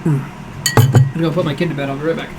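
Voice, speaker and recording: Rapid-fire and fairly high in pitch, this streaming cooking show host has a hoarse voice and keeps things casual, cracking jokes at his own expense as he responds aloud to viewer questions mid-cooking. Under it all, an air conditioner hums steadily and audibly in the home kitchen.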